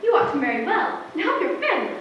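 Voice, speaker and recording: A woman's voice: very high-pitched, big pitch swings, fast talker. A woman acting a stern, bossy, disapproving rich old aunt in a stage play, with a formal scolding manner. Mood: scolding, dismissive. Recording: distant, echoey theatre, noisy dull sound.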